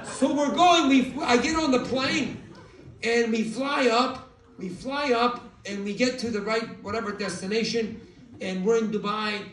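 A male stand-up comedian doing loud, animated crowd work, acting out voices. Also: extremely high pitch, a little slow, a little hiss or hum. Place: large theater with live audience. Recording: roomy hall audio from far off, crowd laughter.

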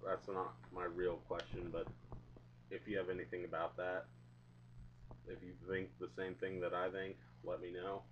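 A man's voice: low-pitched, monotone, normal speed. A young man chatting casually and slangily to camera in a rambling, laid-back way, recorded on a webcam mic in a small room at home. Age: young adult. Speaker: video blogger reviewing products. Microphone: webcam or laptop mic at arm's length. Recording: dull webcam sound with hum.

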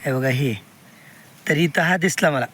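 Out in a farm field, this man films on his phone and narrates his vlog in a relaxed, chatty way, stopping to call to the animals. His voice sits on the high side at a measured pace, with heavy outdoor noise behind him.

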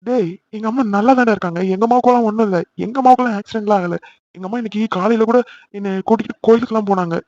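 A man's voice: high voice, very fast, a little mellow, no echo, natural voice. A man voicing a worried, protective young man in an amateur cartoon, talking earnestly and pleading. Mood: anxious. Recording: dry, slightly dull lo-fi recording.

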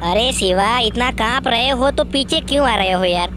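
A man's voice: extremely high pitch, moderate pace. A man voicing a boastful, bossy young man who brags and orders others around, as gaming commentary in character. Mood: impatient. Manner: bragging, impatient, bossing others around. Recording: noisy background.

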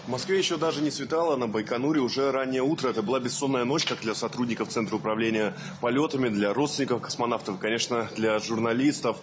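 A man's voice: medium pitch, fast, hardly any pauses. A man in his twenties reporting informally on location, guiding viewers along as a TV news correspondent. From Yaroslavl, Russia. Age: 20s. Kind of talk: on-location video report to camera. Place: inside a control centre hall and corridors. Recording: noisy room ambience.

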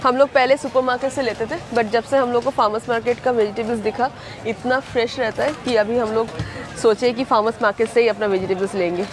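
With a slightly high, steady voice and a quick pace, a woman from India in her thirties vlogs from an outdoor farmers market while shopping for vegetables. She chats with viewers as she handles produce on a handheld camera, surrounded by the chatter of the crowd.

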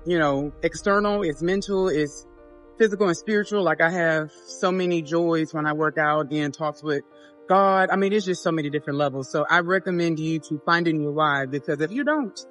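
A woman in her thirties, a fitness vlogger, chatting to camera in an upbeat, motivational way from a phone at arm's length. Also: low-pitched. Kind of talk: casual vlog talk to camera. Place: gym and parked car.

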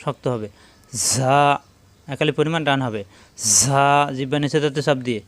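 A man teaching a Quran reading lesson, counting through the rules and slowly repeating each letter sound. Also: mid-range voice, no echo. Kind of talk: step-by-step recitation lesson.

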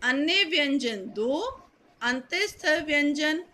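A woman teaching a Hindi grammar lesson, slow and careful, repeating key points. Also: high-pitched, lively intonation, sharp tone, slight background noise. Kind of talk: classroom lesson.

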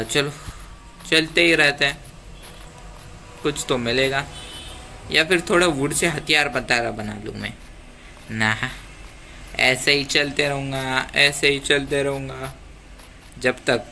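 Bright-voiced young man chatting over gameplay. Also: mid-range voice, creaky. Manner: chatty, joking, pleads with viewers. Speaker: gaming YouTuber. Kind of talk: casual gameplay commentary. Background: faint ambient noise, passing traffic.

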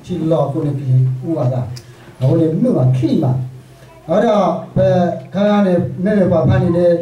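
Mellow-voiced pastor preaching in an echoey church. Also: male voice, high voice, expressive, brisk, slight background noise. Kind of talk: sermon. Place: church sanctuary. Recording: echoey church hall, mic far off.

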